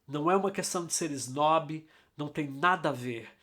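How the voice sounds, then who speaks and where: A man's voice: a little high, moderate pace, sharp tone. A man hosting an English lesson, talking in an emphatic, conversational way. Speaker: English teacher, host. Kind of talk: casual teaching talk.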